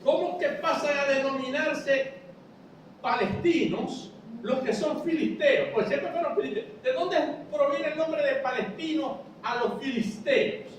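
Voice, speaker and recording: High-pitched male preacher teaching, lots of rhetorical questions, faint rumble behind, far from mic. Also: measured pace, very echoey. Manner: explanatory preaching, rhetorical questions, addresses listeners as brother. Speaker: pastor. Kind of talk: sermon. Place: church.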